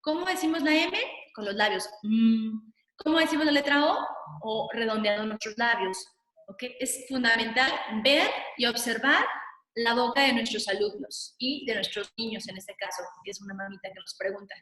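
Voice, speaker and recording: Bright-voiced woman therapist, echoey room. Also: on the high side. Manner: patient, demonstrates sounds slowly. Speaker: speech therapist. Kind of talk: webinar talk, explaining. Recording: echoey room, long reverb.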